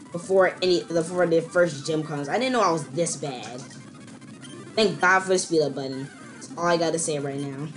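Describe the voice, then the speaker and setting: A young woman commentating her own gameplay, ranting in exasperation and jumping up to squealing high notes. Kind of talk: let's-play commentary.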